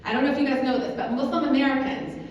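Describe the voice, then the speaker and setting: Speaking fast in a high, steady voice far from the mic, a Kuwait-raised advocacy manager gives a persuasive talk to a convention crowd. She often tosses in "right?", and the audio from the large hall is echoey, distant and dull.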